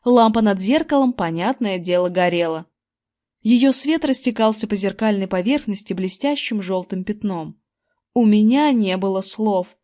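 A woman narrating a children's book aloud in the first person, expressive and lively. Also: mid-range voice, normal speed. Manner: expressive, acting out a boy's first-person story. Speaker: audiobook narrator. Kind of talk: scripted narration.

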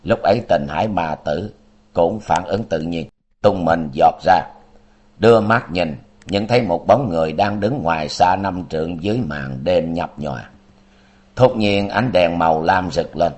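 A man's voice: low-pitched, measured pace, a little mellow. A man narrating a martial-arts novel as an audiobook with dramatic storytelling.

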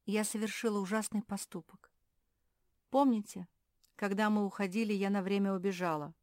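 A woman's voice: medium pitch, fairly even intonation, normal speed, darkish tone, dry recording, studio quality, pitched above the performer's own voice, lightly acted. A woman voicing a guilty, tearful young female character in a storybook reading. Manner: confessing, sniffling.

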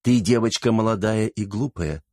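A man voicing a calm, commanding noble lady in an audiobook. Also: lowish voice, moderate pace, no echo, studio quality, close to an everyday voice.

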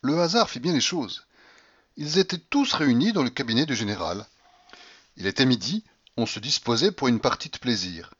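A man narrating a classic novel as an audiobook, in a measured, expressive reading. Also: medium pitch, husky, highs cut off. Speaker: audiobook reader.

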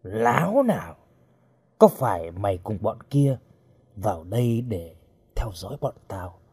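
A man voicing a brutal wanted outlaw interrogating a captive, talking in a low, gruff, threatening growl. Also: very animated, unhurried, a little mellow, exaggerated voice. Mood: menacing.

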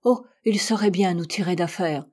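A woman's voice: lowish voice, moderate pace, a little mellow, lightly acted. A woman voicing an old male ship's boatswain, plaintive and fretful, in a read-aloud novel. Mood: rueful.

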